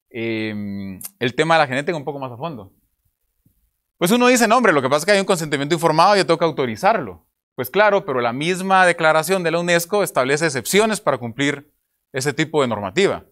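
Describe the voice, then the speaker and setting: A man's voice: on the high side, fairly bright tone. A young man from Guatemala with a Guatemalan Spanish accent, presenting at an academic conference panel in an explanatory way, asking rhetorical questions, speaking into a table microphone. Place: conference room with projector slides.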